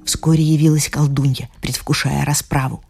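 A woman narrating a fairy tale with expressive storytelling. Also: sits low, moderate pace, vocal fry. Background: faint music.

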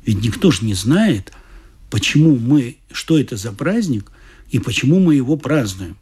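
A man's voice: medium pitch, very animated, moderate pace, darkish tone, husky. A middle-aged man reading a short story aloud with expression, then chatting about it. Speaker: storyteller and speaker.

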